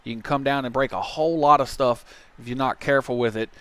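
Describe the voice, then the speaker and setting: A man doing play-by-play commentary from a booth at a motorsport event, chatty and getting excited when trucks crash. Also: medium pitch, quick pace, clean tone, no echo. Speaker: race commentator. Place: commentary booth at a fairground track.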